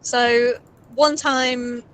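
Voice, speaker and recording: A woman's voice: on the high side, steady tone, very slow, fairly bright tone, a little hiss or hum, poor audio. A young woman in her early twenties chatting casually on a live stream from a moving car over a voice call, rambling, swearing and laughing often. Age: early 20s. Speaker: stream co-host. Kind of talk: casual chat. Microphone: Discord voice call.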